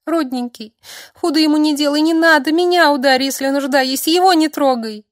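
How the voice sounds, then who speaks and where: A woman's voice: medium pitch, animated, fairly quick, lightly acted. A woman voicing a simple-minded young village girl who babbles and pleads through tears in a nasal voice. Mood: desperate begging.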